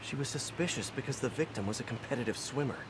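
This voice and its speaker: A man voicing a young male superhero who quips and rambles to himself, in a game with steady background noise. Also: medium pitch, fast, close to an everyday voice. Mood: wry.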